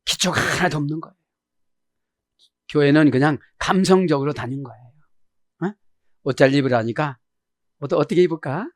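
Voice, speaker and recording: A male pastor delivering a sermon, dropping to soft, low asides and then rising into loud, emphatic cries. He keeps prompting his listeners with short questions as he preaches. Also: moderate pace, pauses often. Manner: emphatic preaching with frequent "네?" check-ins to the congregation; swings between quiet murmuring and loud exclamations.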